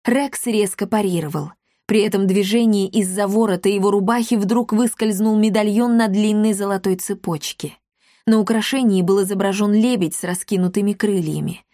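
A woman reading a children's fantasy story aloud, lively and dramatic, on a close microphone. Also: mid-range voice, dry recording. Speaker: audiobook narrator. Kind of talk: expressive audiobook reading.

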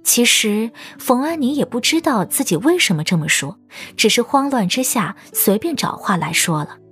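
A woman's voice: on the high side, sing-song, moderate pace, a bit bright, breathy edge. Woman audiobook narrator, scripted storytelling, light music in the background.

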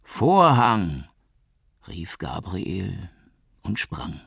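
A man narrates an audiobook in a very deep, husky voice. His reading is steady and measured. The recording is dry, with no room sound. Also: dry recording. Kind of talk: scripted narration.

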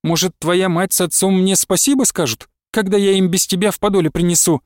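A man's voice: sits high, steady tone, brisk, dry recording, studio quality, pitched above the performer's own voice, close to an everyday voice. A man reading aloud and voicing a young village wife who pleads and cries out in anguish. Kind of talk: audiobook character reading.

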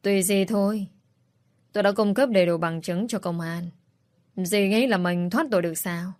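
A woman's voice: mid-range voice, normal speed, darkish tone, no room sound, close to an everyday voice. A woman voicing a determined young man who confronts his stepmother in a cold, accusing tone in a read-aloud story.

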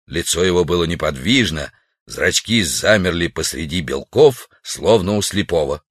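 Husky guy reading a kids story, lively pitch, faint music under it. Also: moderate pace, no echo, studio quality. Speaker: audiobook narrator. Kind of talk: storybook narration.

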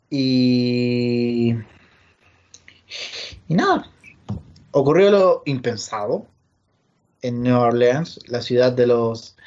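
A man's voice: medium pitch, darkish tone. A man with a Chilean accent hosting a casual wrestling podcast, rambling and slangy with many fillers. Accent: Chilean Spanish. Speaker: podcast host. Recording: dull lo-fi sound.

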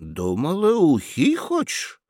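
A man's voice: fairly high pitch, wildly swooping pitch, slow, darkish tone, no echo, clean studio sound, voice pushed up, exaggerated voice. A man voicing a plain-spoken, practical old aunt with a folksy, soothing manner. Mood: puzzled.

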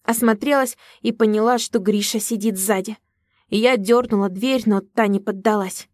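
A woman's voice: medium pitch, steady tone, moderate pace, no echo, studio quality. A woman narrating a story in the first person, with emotional storytelling. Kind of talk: audiobook narration.

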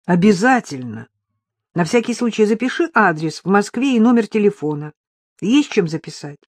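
Woman reader doing an eager male friend for an audiobook, exclamatory and lively, dry close sound. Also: medium pitch, normal speed, no echo. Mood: caring. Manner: exclamatory, excited. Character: cheerful loyal male friend on the phone.

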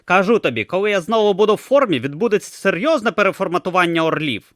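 A man voicing a grumpy, sarcastic god stuck in a male tortoise's body, snapping loudly in an audiobook. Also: high voice, expressive, quick pace, dry recording, studio quality, voice pushed up. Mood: irritated. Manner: snappish, loud, exasperated. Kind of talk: audiobook character voice.

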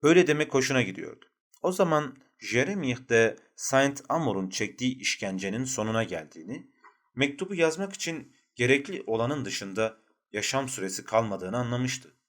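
A man narrating a literary novel as an audiobook, with a measured, even storytelling delivery. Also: mid-range voice.

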